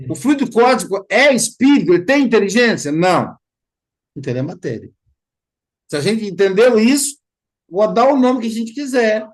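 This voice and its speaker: High-voiced man teaching with animated stories. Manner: animated storytelling with playful imitations. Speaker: study group host. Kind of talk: casual teaching talk.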